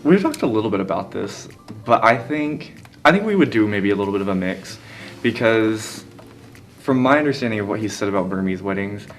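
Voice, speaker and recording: Young american man, lowish voice, casual filler-heavy talk, faint guitar music underneath. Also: animated, brisk. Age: young adult. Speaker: interviewee. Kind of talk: casual interview answers.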